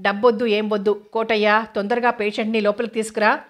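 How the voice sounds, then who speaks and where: A woman voicing a greedy small-town male doctor who mocks and then gets flustered, read in a narrow, even tone. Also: mid-range voice, a little fast, close to an everyday voice. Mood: rattled.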